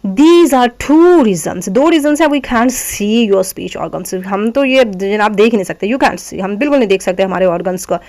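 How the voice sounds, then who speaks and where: A woman teacher giving a phonetics lesson. She reads English lines slowly and deliberately, then explains them in quick conversational asides and demonstrates the sounds aloud. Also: medium pitch, a little mellow. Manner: demonstrates sounds aloud, addresses listeners as "janab".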